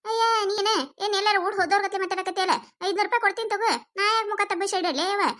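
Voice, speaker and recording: An indignant village woman with a North Karnataka accent, voiced by a woman for a cartoon, protesting that she is not avoiding anyone over a small debt. She talks fast in a very high, bright voice. Her tone stays defensive and protesting throughout. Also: fairly even intonation. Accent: North Karnataka Kannada. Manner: protesting, indignant, quick talker. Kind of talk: cartoon voice acting.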